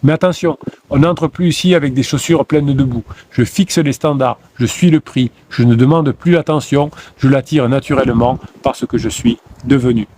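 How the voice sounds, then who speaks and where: A man's voice: medium pitch, moderate pace, darkish tone. A man, a motivational coach, reciting first-person affirmations in a declamatory, repetitive way.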